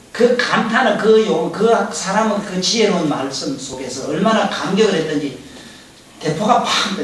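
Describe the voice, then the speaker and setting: A man with a giving a Buddhist sermon, animated and full of rhetorical questions put straight to his listeners. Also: high voice. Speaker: Buddhist dharma teacher. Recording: very echoey, distant mic, faint hiss.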